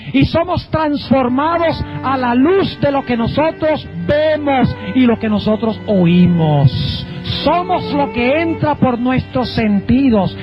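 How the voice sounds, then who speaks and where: A man preaching a sermon as pastor, dramatic and emphatic, slowing down to stress key words. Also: very high voice. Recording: dull lo-fi sound with faint music.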